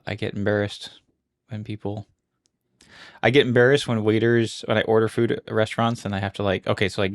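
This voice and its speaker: A man's voice: on the low side, vocal fry. A man in his thirties co-hosting a family podcast, chatting in a laid-back, self-deprecating, rambling way. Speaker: podcast co-host. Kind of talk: casual chat.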